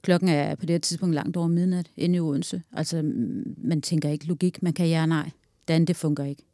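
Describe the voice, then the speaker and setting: A woman in her forties speaks frankly and earthily in an interview, walking through a hard memory in vivid detail. Her voice is mellow and soft-toned. The recording is dry and close, with no room sound. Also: low-pitched, fairly even intonation, dry recording. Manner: candid, earthy, recounting loss in vivid detail. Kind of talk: personal storytelling interview.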